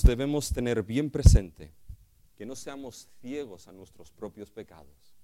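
Lively preacher, animated sermon. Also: male voice, mid-range voice. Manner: addresses listeners as brothers, rhetorical questions.

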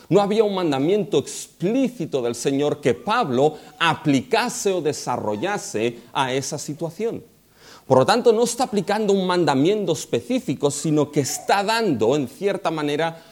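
A man from preaching an expository sermon, slowing down to stress quoted scripture. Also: a little high. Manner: animated, slows for emphasis on scripture quotes.

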